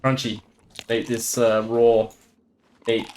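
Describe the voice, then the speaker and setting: A man's voice: medium pitch, flat delivery, slow, darkish tone, a little hiss or hum. A man streaming a video game, talking casually as he plays. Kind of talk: casual chat while gaming.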